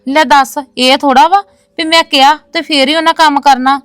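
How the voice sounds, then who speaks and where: A woman's voice: sits high, steady tone, a little fast, fairly bright tone, dry recording. An actress playing a proud woman who insists on defending her brother and his family in a domestic drama. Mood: insistent. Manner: earnest, insistent, repeating "no, no, sister". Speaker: actress in a web series.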